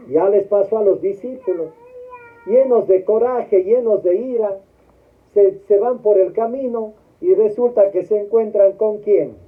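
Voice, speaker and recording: A man giving a memorial homily as a priest, putting questions to the congregation and waiting for them to answer. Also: high voice. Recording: tinny phone-like sound.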